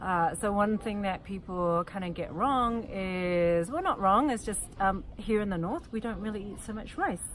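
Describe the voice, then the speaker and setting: Woman from New Zealand, interview guest, chatty explainer, mid pitch, clear background noise. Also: expressive, moderate pace, few pauses, poor audio. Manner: chatty and explanatory, with frequent yeahs. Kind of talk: casual interview.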